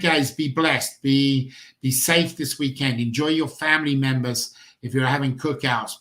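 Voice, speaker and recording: A man hosting a company update call in a loose, unhurried ramble. His pitch sits at a middling level for a man. He ends with warm, churchy blessings to his listeners. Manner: slow, rambling, pastoral sign-offs.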